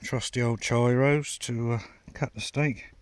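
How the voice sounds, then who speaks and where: Lying in his hammock at a night camp, a bushcraft vlogger chats casually, full of fillers and banter. His mid-range voice is steady and smooth, his pace measured, with no echo.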